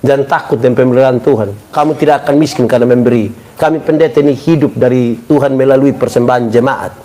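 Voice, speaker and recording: A male pastor preaches a live sermon at a church service, cracking jokes and quizzing the congregation with call-and-response questions. He talks fast in a medium-pitched, mellow voice, and the live recording picks up the congregation and room noise.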